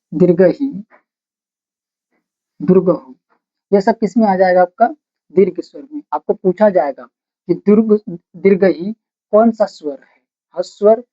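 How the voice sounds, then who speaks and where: A grammar teacher dictating notes slowly, repeating phrases word by word and asking questions before answering them. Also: mid-range voice, warm tone. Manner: slow, repetitive dictation, breaking sentences into single words. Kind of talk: blackboard-style grammar lesson, dictating notes. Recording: dull lo-fi recording.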